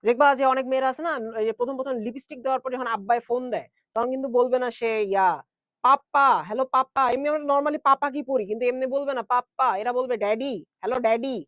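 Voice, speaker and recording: A man's voice: very high-pitched, fairly even intonation, rapid-fire, a bit bright, no room sound, clean studio sound. A young man teaching an online class in a chatty way, with jokey asides and English words mixed in.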